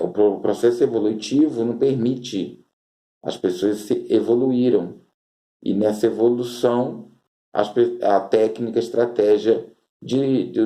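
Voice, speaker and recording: A Brazilian man preaching in a very dark, mellow voice, unhurried and emphatic. He lays out his points slowly, piling up repeated phrases one after another. The recording carries a roomy echo. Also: medium pitch. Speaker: apostle and preacher. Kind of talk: preaching commentary on current events.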